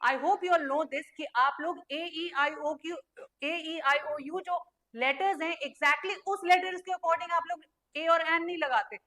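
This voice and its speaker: Her voice is high, pushed and bright as this young woman leads a grammar lesson online. She puts questions to her students, answers them on her own, and spells out letters slowly.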